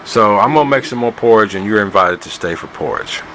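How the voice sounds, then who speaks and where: A man's voice: fairly low pitch, fairly quick, fairly bright tone, slight background noise, natural voice, low-quality recording. A man voicing a forgiving mother bear in an easygoing, folksy way.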